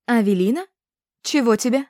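A woman reading a novel aloud, voicing a hostile village woman, the headman's wife, in a shrill, scornful voice. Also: animated, normal speed, mellow, no room sound, studio quality.

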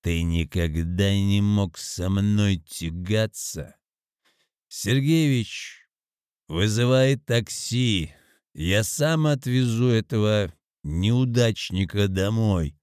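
A man's voice: on the low side, lively intonation, slow, a little mellow, clear, resonant tone, no echo, clean studio sound. A man voicing a domineering drunk man who turns cruel, speaking coldly and commandingly. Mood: harsh. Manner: cold, commanding.

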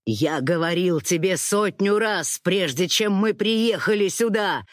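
A narrator playing a ruthless, furious husband who shouts at his wife in harsh outbursts. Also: mid-range voice, big pitch swings, slow, dry recording, studio quality, heavily acted. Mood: furious yelling. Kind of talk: audiobook character voice.

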